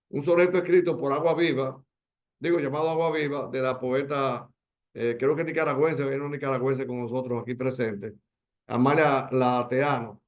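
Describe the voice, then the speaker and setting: Over a video call, a man with a Dominican Spanish accent leads an online poetry workshop. He speaks emphatically at a medium pitch, repeating key words and slowing down to stress them.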